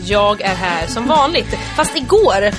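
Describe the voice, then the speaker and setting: A woman's voice: medium pitch, music in the background. A woman co-hosting a casual podcast, chatting and acting out little scenes and dialect impressions. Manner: animated, acts out little scenes and mimics dialects. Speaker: podcast co-host. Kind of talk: casual chat.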